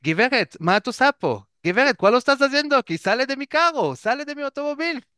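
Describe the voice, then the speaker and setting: A man voicing a startled, indignant male driver who scolds in a rapid, shrill way. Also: sing-song, bright, forceful tone, clean tone, no echo, studio quality, exaggerated voice.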